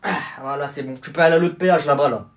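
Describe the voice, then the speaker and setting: A man's voice: a little high, fast talker. A young man acting in comedy skits, talking in cheeky street slang and bickering mockingly. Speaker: comedy skit actor.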